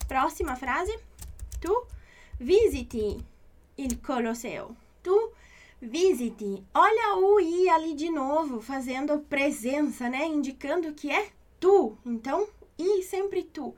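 A woman's voice: high-pitched, expressive, slow. A woman with a Brazilian Portuguese accent teaching an Italian lesson, patiently repeating each point and checking in with the listener. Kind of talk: online language lesson.

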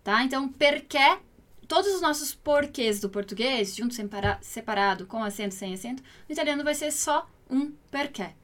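A woman with a high voice teaches a language lesson in a patient, explanatory way. She grew up in Italy and slows right down to spell out each example phrase before explaining it. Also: animated, a bit bright. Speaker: Italian teacher.

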